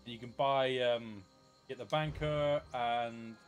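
A man's voice: medium pitch, fairly even intonation, slow pace, faint music behind. A man giving casual, sweary live gameplay commentary into a close mic. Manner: sweary, informal. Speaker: game streamer. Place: small indoor gaming room with game audio.

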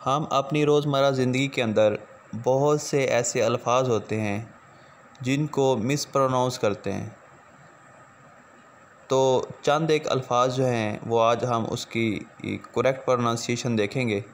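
A man giving a slow pronunciation lesson, repeating each word twice. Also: mid-range voice, slight background noise. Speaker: teacher.

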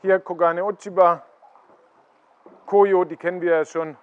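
A man's voice: high-pitched, steady tone, measured pace, clean tone. Middle-aged man explaining koi on a tour. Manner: explanatory, pointing viewers to fish. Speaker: koi dealer giving a farm tour. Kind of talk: walking tour commentary. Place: greenhouse koi ponds, indoors. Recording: slightly dull lo-fi sound.

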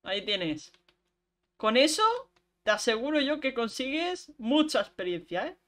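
A woman's voice: a little high, very animated, fairly bright tone. Chatty streamer woman. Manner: chatty, talks to chat while playing, quick laughs. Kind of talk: casual gameplay chat.

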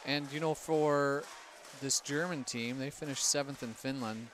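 A man giving color commentary on a lacrosse game, relaxed and analytical, joking with his partner. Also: medium pitch, a little slow. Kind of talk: live sports commentary. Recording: noisy outdoor ambience behind the mic.

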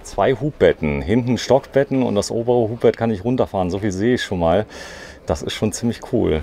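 A man's voice: lowish voice, lively intonation, fairly quick, mellow. A man hosting a walkthrough interview, upbeat and summing up features with questions, inside a camper van at a trade fair. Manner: upbeat, asks questions and sums things up. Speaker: interviewer and show host.

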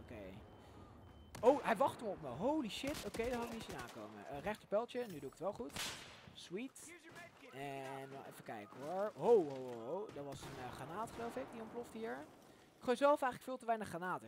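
A young man casually commenting on his own shooter gameplay, chatty and excitable, blurting out English exclamations when surprised. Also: mid-range voice, noisy background. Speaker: gaming channel host. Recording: game gunfire loud behind voice.

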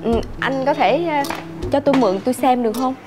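An actress playing a scheming young wife who talks in a wheedling, flattering way. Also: female voice, high-pitched, a little fast, over loud music, lightly acted.

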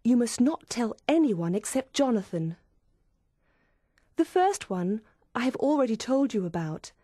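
A woman's voice: a little high, big pitch swings, measured pace, mellow, no room sound, clean studio sound. A woman voicing a young woman who reads out confiding, gushing letters to her friend.

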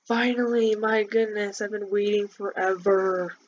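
Excitable girl narrating her game. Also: mid-range voice, unhurried. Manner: chatty, excitable, talks to viewers. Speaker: gameplay commentator. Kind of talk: casual let's-play chat. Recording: dull lo-fi mic with faint hiss.

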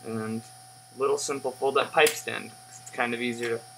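A young man giving a casual, rambling review in a halting way that trails off, recorded on a webcam in a living room. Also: medium pitch, fairly even intonation, creaky. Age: young adult. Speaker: pipe tobacco reviewer. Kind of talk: casual unscripted review chat. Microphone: webcam at desk distance. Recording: humming, noisy webcam audio.

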